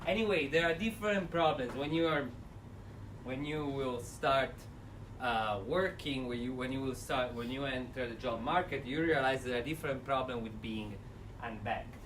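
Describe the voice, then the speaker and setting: Standing without a microphone in a university seminar room, a man with a thick Italian accent delivers an energetic, interactive lecture, speaking directly to his audience. His medium-pitched voice moves at a moderate pace and sounds distant, with faint room noise.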